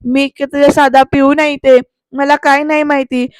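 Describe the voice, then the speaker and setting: A woman's voice: sits high, flat delivery, moderate pace, dry recording, studio quality, lightly acted. A woman voicing a frightened male servant who stammers nervously while retelling a serial scene. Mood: scared.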